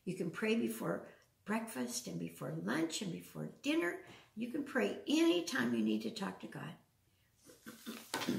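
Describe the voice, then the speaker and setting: A woman around her 70s reads aloud to small children in a large open living room with a wood floor, talking a little slowly with vocal fry and frequent pauses. Her fairly high voice has big pitch swings, and she uses simple phrases, often asks her young listeners questions, and adds chatty asides. It sounds roomy, as if recorded from a little way across the room.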